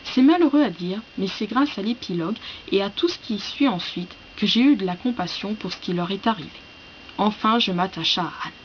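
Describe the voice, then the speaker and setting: A woman's voice: mid-range voice, lively intonation, fairly quick. Hesitant French-speaking woman book vlogger. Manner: hesitant, many fillers, reads parts from notes. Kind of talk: casual book vlog. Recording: slightly dull lo-fi sound with faint hiss.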